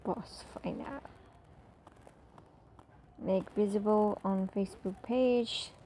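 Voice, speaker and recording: Slow, mellow-voiced woman explaining an app. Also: medium pitch, fairly even intonation, slight background noise, low-quality recording. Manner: chatty, filler-heavy, walks through steps. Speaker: tutorial presenter. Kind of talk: casual screen-recording tutorial voice-over.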